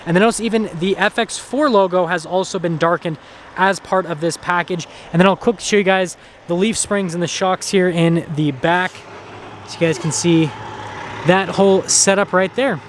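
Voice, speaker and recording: A man giving an upbeat, quick-paced walkaround review of a pickup truck, moving from outside the truck to inside the cab. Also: high voice, fairly even intonation, a little hiss or hum. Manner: quick, upbeat feature rundown. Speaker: car reviewer.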